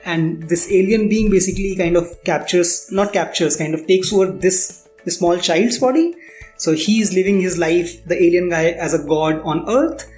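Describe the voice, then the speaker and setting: A startup founder with an Indian accent candidly explains his answers in an interview, repeating phrases for emphasis. His voice is high-pitched and darkish, at a normal speed, with a roomy echo and music underneath.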